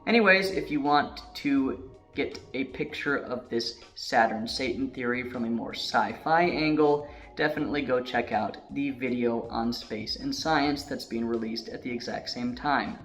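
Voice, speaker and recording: Guy narrating mysteries online, chatty and jokey, voice going a bit hoarse, mid pitch. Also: a little slow, fairly bright tone, faint music behind. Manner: chatty, with joking asides. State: losing his voice. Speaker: YouTube narrator. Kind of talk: casual scripted narration.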